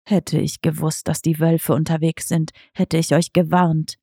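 A woman reading an audiobook, voicing a calm, riddling male talking cat who speaks in gentle condescension. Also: sits low, measured pace, creaky, husky, no room sound, studio quality, pitched below the performer's own voice, full character voice. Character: cryptic, suave male talking tomcat.

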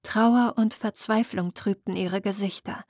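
Slow, steady female audiobook narrator. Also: medium pitch, no echo, clean studio sound. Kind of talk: scripted fantasy narration.

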